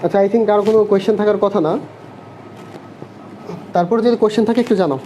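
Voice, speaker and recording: A young man teaching an online chemistry class, asking quick questions and answering them himself. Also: sits high, dark tone, slight background noise. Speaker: chemistry tutor. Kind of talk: online live class lecture. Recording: dull lo-fi online class audio.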